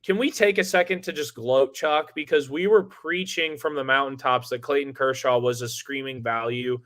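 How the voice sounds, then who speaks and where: A young man co-hosting a fantasy baseball podcast in a casual, excitable way, full of filler words. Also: mid-range voice, normal speed. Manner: casual, excitable, lots of likes and yo. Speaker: co-host.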